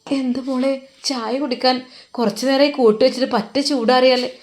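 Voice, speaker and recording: A woman voicing a gentle, doting elderly mother-in-law who coaxes and pleads. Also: sits high, steady tone, brisk, pitched above the performer's own voice, natural voice. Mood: coaxing. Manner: coaxing, pleading softly.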